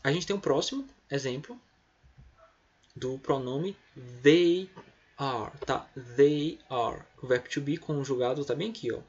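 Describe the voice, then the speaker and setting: A man's voice: medium pitch, measured pace, darkish tone, slightly rough, lo-fi sound. Patient Brazilian man teaching English. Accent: Brazilian Portuguese. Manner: patient, explains step by step, often adds "tá?" and "né?". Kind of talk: recorded remote lesson.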